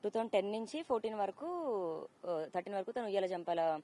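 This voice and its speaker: As an interview guest, a woman in her 30s recounts personal experiences quickly, her medium-pitched voice carrying a warm tone. She mixes English words into what she says.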